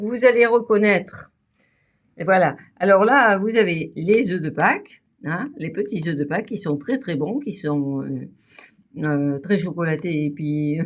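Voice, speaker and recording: Chatty woman showing off sweets, a bit tipsy. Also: on the low side. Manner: chatty, playful, with many fillers and restarts. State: a little tipsy from champagne. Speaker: video channel host. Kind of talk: casual food presentation to camera.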